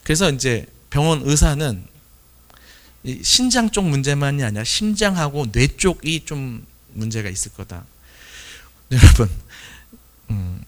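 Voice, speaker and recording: A man preaches to his church in a mid-pitched voice that swings widely as he tells a personal story. He slips into quick acted quotes now and then. His delivery stays conversational and animated. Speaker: pastor. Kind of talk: sermon testimony.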